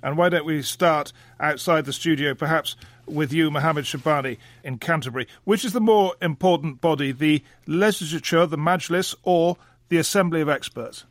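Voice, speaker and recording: A man's voice: fairly high pitch, moderate pace, no room sound. A man hosting a panel discussion, asking questions in a wry, conversational manner. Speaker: radio panel host.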